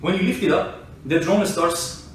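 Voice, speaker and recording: Here a man with a high voice speaks at a measured pace, informally explaining to a listener in an argumentative way with everyday examples. He identifies himself as an engineer and scientist. The recording comes from an echoey room with a distant mic and faint noise.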